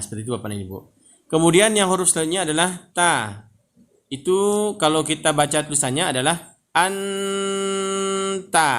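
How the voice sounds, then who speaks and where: A man teaching Quran reading, patiently explaining and drawing out example words very slowly. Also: fairly high pitch, a bit bright. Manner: patient, repeats "Bapak dan Ibu, ya" often.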